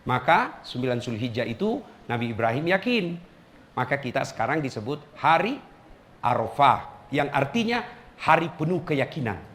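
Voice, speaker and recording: A man's voice: mid-range voice, very animated, moderate pace, a bit bright, a little hiss or hum. A middle-aged man giving a humorous sermon, telling stories with animation and joking with his audience. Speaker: preacher.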